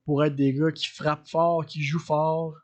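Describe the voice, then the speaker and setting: A man's voice: a little high, level tone, measured pace. A man with a Quebec French accent, co-hosting a sports podcast in casual chat, hesitant with many fillers as he analyzes games.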